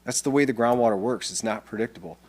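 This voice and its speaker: A man's voice: medium pitch, fast, a little mellow. A man presenting a development plan at a town board meeting, explaining plainly and casually, with frequent restarts.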